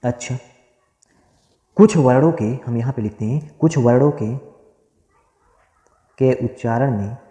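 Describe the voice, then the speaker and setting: A man teaching a grammar lesson, dictating notes slowly, repeating phrases and asking questions that he answers himself. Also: medium pitch, warm tone. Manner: repetitive, asks and answers his own questions. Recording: echoey room with long reverb.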